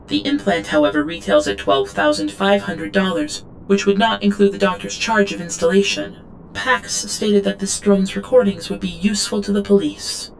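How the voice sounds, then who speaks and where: Voicing a compliant female servant drone for an audio drama, a woman delivers a scripted monologue in stiff, clinical third-person reports, subdued in feeling. Her voice is natural, creaky and medium-pitched at moderate speed, over soft background music on a rough recording.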